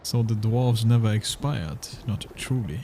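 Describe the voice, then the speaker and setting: A man's voice: on the low side, unhurried, mellow, slight background noise. A man playing a video game, commenting casually and reading its text aloud.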